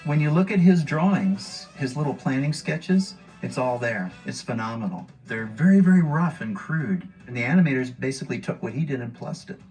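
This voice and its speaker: A man's voice: mid-range voice, animated, normal speed, few pauses. A man enthusiastically describing animators' work in detail in a documentary interview. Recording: distant mic with faint music.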